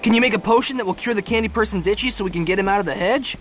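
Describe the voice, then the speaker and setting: A man voicing an earnest, excitable young boy hero in a cartoon. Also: high voice, rapid-fire, a little hiss or hum. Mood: eager. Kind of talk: cartoon voice acting.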